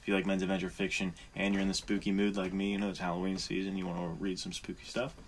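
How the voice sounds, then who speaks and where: In a deep, flat voice and at a quick pace, a male podcast co-host keeps the casual chat going. He sounds sincere and informal, like a buddy showing his appreciation, over a faint background hum.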